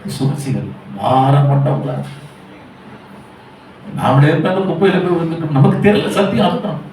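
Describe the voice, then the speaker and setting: Preaching a Sunday sermon in Tamil, a male pastor with a Tamil Nadu accent presses his listeners with repeated rhetorical questions in an urgent, pleading way. His fairly high, darkish voice is expressive and moderately paced. He is recorded at a distance in an echoey church hall with a faint hum.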